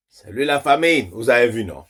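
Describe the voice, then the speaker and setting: A man's voice: mid-range voice, a bit bright, husky. A man greeting his followers in a jokey, teasing tone. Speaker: video host. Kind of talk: casual video greeting.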